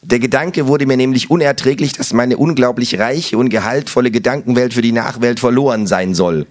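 A man's voice: medium pitch, fairly quick, close to an everyday voice. A man voicing a smug, cheeky know-it-all kangaroo in a read-aloud story, with a dry, mocking manner. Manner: dry, mocking, self-satisfied.

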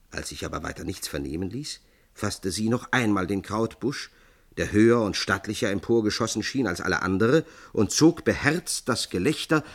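Deep-voiced man narrating a tale. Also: fairly bright tone. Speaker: audiobook narrator. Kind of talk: scripted narration.

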